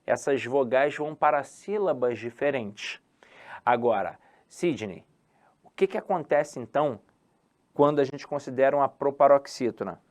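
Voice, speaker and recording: A man's voice: medium pitch, lively intonation, normal speed, a little mellow. A Brazilian man teaching a Portuguese grammar lesson for exam prep, stretching key words and asking and answering his own questions.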